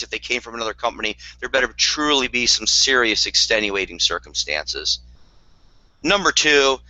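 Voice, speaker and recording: Bright-voiced man giving a sales pep talk. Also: medium pitch, dry recording. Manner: earnest, repetitive, with dry sarcastic asides. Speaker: network marketing leader. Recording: dull lo-fi dry recording.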